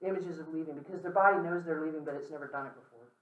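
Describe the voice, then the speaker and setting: A lecturer speaks candidly to a room full of listeners, loose and conversational, tossing in asides and light humor and checking in with "okay?" as they go. The voice sits at an ordinary middle pitch. It is picked up from some distance, so the room's echo rings around every phrase. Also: fairly even intonation, racing, fairly bright tone. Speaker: guest speaker on death and dying. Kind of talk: informal lecture to a campus audience. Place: large room with an audience. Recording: roomy echo, speaker far from the mic.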